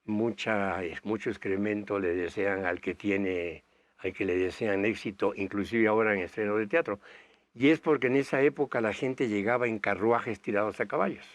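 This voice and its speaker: An older Bolivian man, a guest actor raised touring South America, answers interview questions with long, rambling anecdotes full of fillers. He speaks at a moderate pace in a lowish voice.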